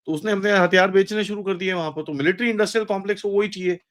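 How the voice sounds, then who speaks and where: A man with an Indian accent giving an animated political analysis, mixing in English phrases and acting out quoted speech. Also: high-pitched, racing. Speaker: guest analyst. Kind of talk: casual political discussion.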